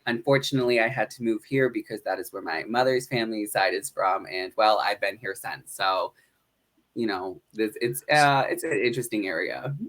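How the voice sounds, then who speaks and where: A man's voice: fairly low pitch, normal speed, a bit bright. A man in his thirties from northeastern Pennsylvania, a drag performer and educator, talking earnestly and upbeat in a casual podcast interview, with frequent fillers.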